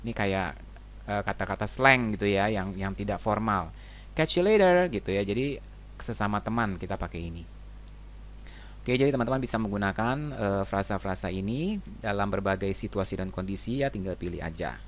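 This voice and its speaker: A man teaching English phrases in a relaxed, conversational way, often ending sentences with a tag question. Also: fairly low pitch, a little fast. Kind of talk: casual explanatory lesson.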